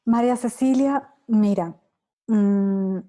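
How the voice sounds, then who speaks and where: Woman in her 30s, mellow voice, easygoing conference Q&A, voices parent and child exchanges. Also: mid-range voice, takes it slowly. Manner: conversational, acts out parent-child dialogues; laughs easily, lively quoting. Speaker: parenting speaker answering questions. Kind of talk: conference Q&A talk.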